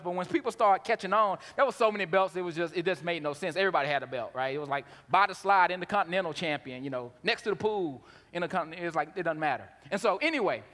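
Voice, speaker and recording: A man preaching a sermon, telling stories with big swings from quiet to loud. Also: high voice. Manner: animated storytelling, swinging from hushed to loud. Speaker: pastor. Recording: long hall reverb.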